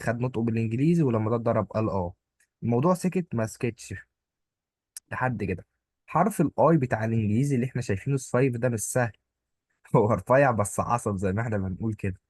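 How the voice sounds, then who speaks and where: Brief: Egyptian-accented male tutor, husky, dry close sound, playful and chatty. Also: mid-range voice, darkish tone, no echo. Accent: Egyptian Arabic. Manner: playful, explains with little stories and jokes. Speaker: German language teacher. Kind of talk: informal online lesson.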